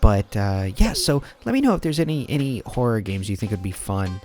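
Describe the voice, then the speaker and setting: A man's voice: fairly low pitch, very animated, fairly quick, a little mellow, a little hiss or hum. A man commenting over gameplay in a rambling, casual way, full of fillers and restarts, sounding sleepy. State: sleepy, yawning. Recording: clear background music. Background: background game music.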